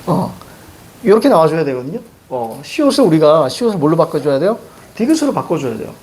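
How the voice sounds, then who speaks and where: A middle-aged man with a Seoul accent teaching a Korean language lesson, animated and joking with students, repeating cue words. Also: a little high, fast talker. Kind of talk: lively classroom lecture.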